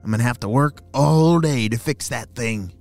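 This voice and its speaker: A man's voice: medium pitch, normal speed, darkish tone, faint music behind, close to an everyday voice. A man voicing a busy, weary male muskrat in a children's story, talking plainly and matter-of-fact.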